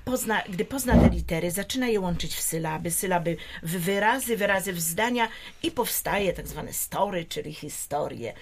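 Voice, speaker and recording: A woman's voice: on the low side, lively intonation, moderate pace, slight background noise. A woman guest in a studio explaining a children's book, hesitant, with frequent filler sounds and restarts.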